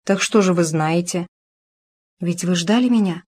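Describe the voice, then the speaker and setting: Picture an anxious, loving young bride in a storybook, pleading urgently, voiced by a woman reading aloud. Her voice sits on the lower side and comes through with feeling rather than theatrics. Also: unhurried, a little mellow, husky. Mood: teasing. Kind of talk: audiobook character reading.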